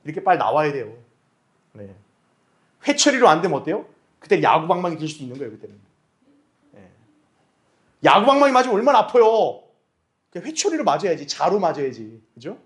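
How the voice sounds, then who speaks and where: A man's voice: a little high, big pitch swings, a little fast, pauses often. A male pastor teaching a Bible class, asking his listeners rhetorical questions and acting out little dialogues. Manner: acts out quoted voices in dialogue. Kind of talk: Bible study lecture.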